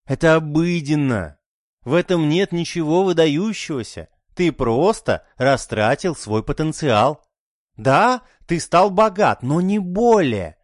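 A man's voice: fairly high pitch, animated, slow pace, dry recording, clean studio sound, voice pushed up. A man voicing an obsessed young male scientist chasing immortality, fervent and scornful. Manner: fervent, scornful, rising to outbursts.

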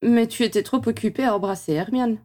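A woman's voice: fairly high pitch, darkish tone, close to an everyday voice. A woman voicing a hesitant young woman. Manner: hesitant, halting.

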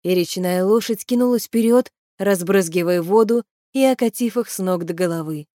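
A woman's voice: medium pitch, moderate pace, mellow, no room sound. Woman reading an audiobook, dry close sound. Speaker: audiobook reader. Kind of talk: audiobook narration.

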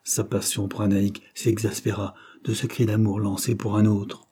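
A man narrating a novel in a measured, even storytelling manner. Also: on the low side, breathy edge. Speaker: audiobook narrator.

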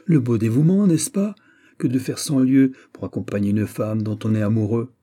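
A man's voice: mid-range voice, moderate pace, warm tone, close to an everyday voice. A man voicing a jealous, indignant young French prince in an audiobook, heated and insistent. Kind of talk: audiobook character voice.

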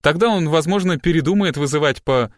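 A male audiobook reader voicing a composed young woman who speaks firmly, clearly and decisively. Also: mid-range voice, sing-song, a little fast, no room sound, studio quality. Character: firm, composed young woman, detective's assistant. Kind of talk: audiobook character reading.

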